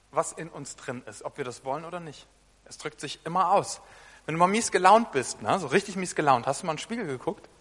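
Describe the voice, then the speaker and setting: A male preacher gives a conversational sermon, often checking in with listeners through short questions. His voice sits high and bright and swings widely in pitch, moving from soft asides to loud, emphatic bursts. A long hall reverb trails behind every phrase.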